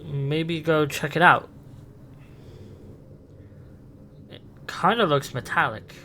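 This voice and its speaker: Man playing the Doctor, very bright, halting delivery. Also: a little high, a little hiss or hum. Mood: encouraging. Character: the Doctor, male time-travelling alien guide, curious and protective. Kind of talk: improvised sci-fi roleplay.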